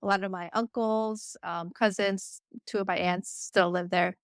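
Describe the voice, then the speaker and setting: Woman, 30s, from Croatia and Michigan, casual guest chat, lots of fillers, clear resonant tone. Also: mid-range voice, fairly even intonation, a little slow, dry recording, studio quality. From born in Croatia, raised in Michigan, United States. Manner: chatty, lots of filler words. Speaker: podcast guest.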